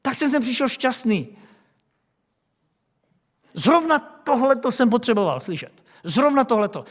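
A man's voice: extremely high pitch, very animated, big-room sound, pitched above the performer's own voice, full character voice. A preacher voicing a whiny, aggrieved man who complains about being disturbed, protesting again and again. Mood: whiny indignant.

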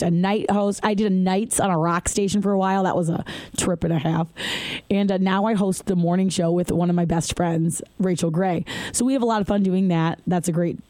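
A woman's voice: medium pitch, warm tone, dry recording. A woman hosting her own podcast, chatting candidly and laughing now and then as she tells a personal story. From Michigan. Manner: chatty, candid, laughs while telling stories. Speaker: podcast host.

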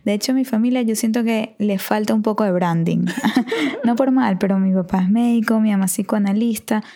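Creaky-voiced woman podcaster. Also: medium pitch, dark tone. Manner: chatty, quick to laugh. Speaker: podcast co-host. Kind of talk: casual podcast chat.

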